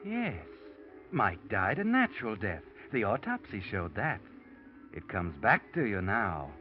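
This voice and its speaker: The Whistler, an ominous radio narrator. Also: male voice, fairly low pitch, wildly swooping pitch, unhurried. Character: mysterious male narrator speaking to the guilty. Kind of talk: 1940s radio drama narration. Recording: dull old radio broadcast with music.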